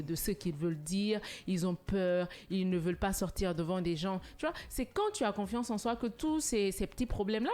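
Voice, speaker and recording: Earnest motivational woman co-host. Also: mid-range voice. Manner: earnest, motivational, animated when telling anecdotes. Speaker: TV show co-host. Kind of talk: studio talk show chat. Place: TV studio.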